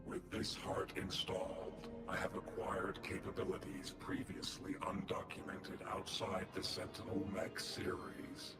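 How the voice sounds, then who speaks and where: A man with a low, completely flat voice speaks at a measured pace with hardly any pauses, playing a solemn giant guardian mech in a video game. The character is dutiful and earnest, slowly learning to feel, and talks in formal robotic phrasing, announcing clipped one-word headers before each statement. The recording has a cavernous echo, with game music underneath.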